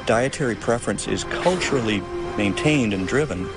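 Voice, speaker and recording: A man's voice: fairly low pitch, lively intonation, normal speed. A man speaking as an expert, explaining things in a nature documentary interview. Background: prominent music.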